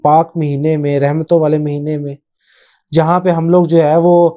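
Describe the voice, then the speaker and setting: A man hosts his own channel in relaxed, off-the-cuff commentary. His voice sits somewhat high, yet the tone is deeply mellow and unforced. He rambles with frequent hesitations and drops English phrases into his talk. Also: highs cut off. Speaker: channel host. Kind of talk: casual spoken commentary.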